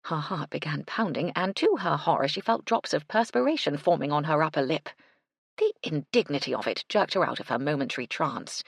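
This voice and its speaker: A woman narrating a cozy mystery audiobook in a measured, expressive reading style. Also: deep voice, creaky, husky, no room sound, clean studio sound. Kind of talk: scripted narration.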